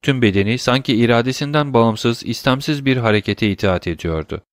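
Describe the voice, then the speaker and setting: A man narrating a classic novel as an audiobook in a measured, steady reading. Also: medium pitch, no echo, clean studio sound.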